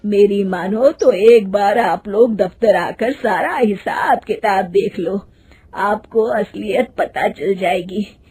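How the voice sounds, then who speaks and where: A woman voicing an old male clerk who speaks slowly and confidingly in a storybook. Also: mid-range voice, mellow, husky. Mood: worried. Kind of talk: storybook voice acting.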